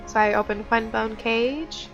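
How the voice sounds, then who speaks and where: A woman's voice: on the high side, steady tone, a little slow, dull audio, over loud music. A woman hosting a casual game walkthrough on a headset mic, chatty and informal, thinking aloud as she goes. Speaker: gaming video host.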